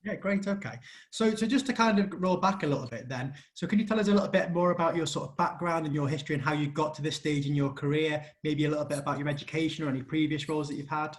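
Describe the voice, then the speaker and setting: Quick man interviewing, slightly high voice. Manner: summarizing, frequent "isn't it" tags. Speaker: interviewer from a college. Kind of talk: interview questions and summaries.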